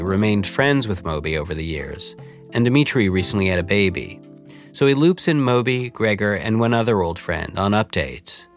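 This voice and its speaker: A man's voice: lowish voice, no echo, studio quality. A man hosting and narrating a story segment, asking curious, probing questions. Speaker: host.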